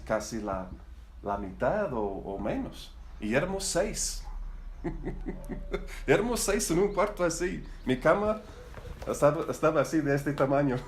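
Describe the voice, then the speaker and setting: This man's voice is medium in pitch, with a little hiss or hum in the recording. Middle-aged and speaking Spanish as a second language, he teaches church leaders in a relaxed Bible study, rambling, chatty, often repeating himself and tacking on questions to get their agreement.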